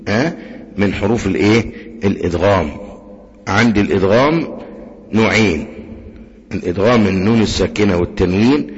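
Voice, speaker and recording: A man with an Egyptian accent teaching Quran recitation rules, patiently asking the class questions, answering them himself and chanting examples slowly. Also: fairly low pitch, husky. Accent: Egyptian Arabic. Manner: demonstrates recitation with slow drawn-out chanting. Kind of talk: tajweed lesson. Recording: dull lo-fi recording with long reverb.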